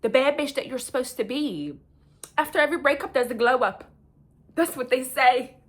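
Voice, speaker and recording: A woman talks straight to camera in a casual, big-sister advice vlog. Her voice sits a little high. She is emphatic and chatty, calls the viewer honey and darling, and mixes Arabic and French words into her English. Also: expressive, moderate pace. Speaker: advice vlogger.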